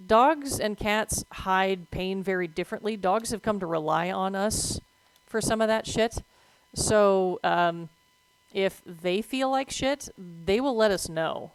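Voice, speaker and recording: A woman's voice: mid-range voice, gravelly, dry recording, poor audio. A woman streaming a game who explains veterinary matters in a blunt, casual way, swearing freely and breaking off to react to the game. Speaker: streamer with veterinary work experience.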